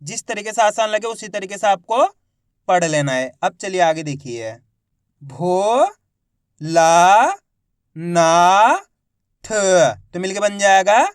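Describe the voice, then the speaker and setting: A man with a high voice leads a reading lesson and coaxes his listeners along. He sounds out each syllable slowly and then says the whole word. The recording is dry and close, with no room sound. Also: lively intonation, dry recording. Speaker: Hindi reading teacher. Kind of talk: spoken lesson.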